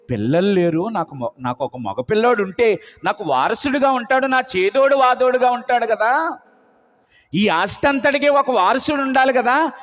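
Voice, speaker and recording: A man voicing an anxious old patriarch, lowered pleading tone, sermon retelling, echoing hall, dull sound. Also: a bit bright, full character voice. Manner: begging, deferential, lamenting. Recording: muffled long hall reverb.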